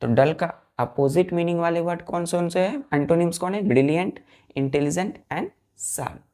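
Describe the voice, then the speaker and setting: A woman's voice: lowish voice, animated, moderate pace, dark tone. A woman teaching English vocabulary to children, spelling each word letter by letter and repeatedly asking them to say it back. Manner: mixes Hindi explanations with English words. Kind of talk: classroom-style vocabulary lesson.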